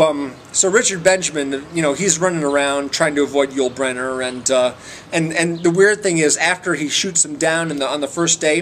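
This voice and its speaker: A man's voice: a little high, a bit bright. A man giving a casual, rambling film review in a hesitant, meandering way, often trailing off mid-thought. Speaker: amateur movie reviewer. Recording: noticeable background noise.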